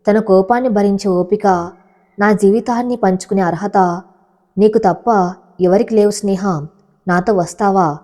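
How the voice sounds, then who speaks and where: A woman's voice: medium pitch, steady tone, measured pace, long pauses, mellow, lightly acted. A woman voicing an earnest young man in love in a storybook reading, speaking in an earnest, pained way. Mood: tender.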